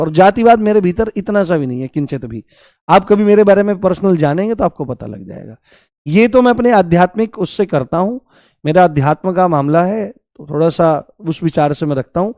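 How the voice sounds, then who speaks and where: Male teacher, fairly high voice, dry close sound, repeats examples and quizzes students. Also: darkish tone, no room sound. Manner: repeats examples, coaxing students with rhetorical questions. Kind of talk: online grammar lesson.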